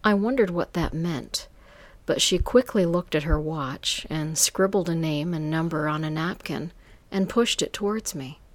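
A woman reading a first-person story aloud in a calm, even manner with soft hushed touches. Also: sits low, measured pace. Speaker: story reader.

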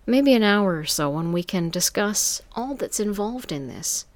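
A woman voicing a sultry grown woman who runs a phone business, speaking smoothly and coaxingly. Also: mid-range voice, expressive, unhurried, no room sound, voice pushed up, natural voice. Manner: smooth, coaxing, calls people dear.

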